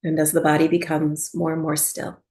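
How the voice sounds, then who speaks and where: In a low-sitting, monotone voice, a woman leads a sleep meditation and breathwork lesson. She keeps things soft, soothing and unhurried, pausing at length between lines.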